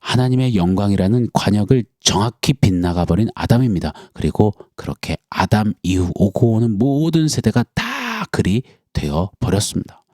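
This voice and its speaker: Low-voiced Korean pastor preaching earnestly. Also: male voice, darkish tone, no room sound, studio quality. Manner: earnest preaching, acts out quoted voices with dramatic pauses. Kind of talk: dawn sermon.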